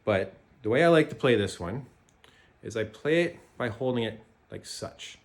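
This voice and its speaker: Canadian male tutor, mid pitch, easygoing and halting, plenty of fillers and restarts, casual lesson delivery. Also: expressive. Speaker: jaw harp teacher.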